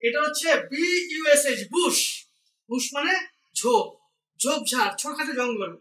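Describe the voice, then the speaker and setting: Animated and a bit bright, this very high male voice moves at a moderate pace through an English vocabulary lesson. The teacher, from India, patiently spells and explains each word, and he is recorded from a distance in an echoey space.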